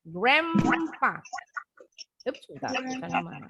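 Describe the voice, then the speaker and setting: A woman's voice: on the high side, lively intonation, lo-fi sound, background noise. Patient Indonesian woman teaching English. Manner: patient, explains slowly, repeats words for pronunciation. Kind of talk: online class teaching. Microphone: video call.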